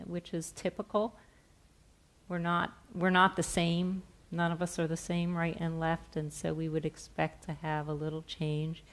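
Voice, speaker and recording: A middle-aged woman gently and softly explaining a hands-on therapy demonstration step by step on stage. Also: lowish voice. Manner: gentle, soft-spoken. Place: on a stage in a theatre, indoors.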